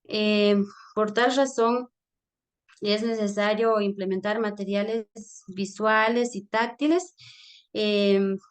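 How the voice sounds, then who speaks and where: Woman, student presenter, class presentation, hesitant, many fillers, slow delivery. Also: medium pitch, fairly even intonation.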